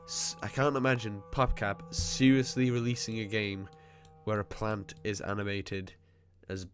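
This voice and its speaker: With soft music playing behind him, a man with a cold narrates his gameplay in a fairly low, nasal voice that barely moves in pitch. This gaming video host keeps things chatty, nitpicking with quick asides.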